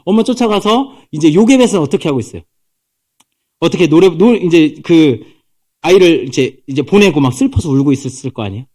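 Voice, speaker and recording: A male pastor preaches with a fairly high voice. His pitch swings a great deal as he tells the story. He slips into character voices as he goes. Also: expressive, fairly quick, a little mellow. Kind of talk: sermon.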